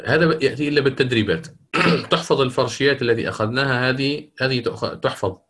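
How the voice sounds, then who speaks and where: A man leads a recitation lesson at a measured teaching pace. He explains each rule carefully, often checks in with his students, and stops to correct himself when he misspeaks. His voice sits in a middle pitch. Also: a bit bright, slight background noise.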